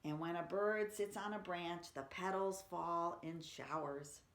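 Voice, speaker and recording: Unhurried and a bit bright, this lowish female voice reads poems expressively to children as a library story-time reader. Between poems she chats and gives simple explanations, all captured with echoey room sound.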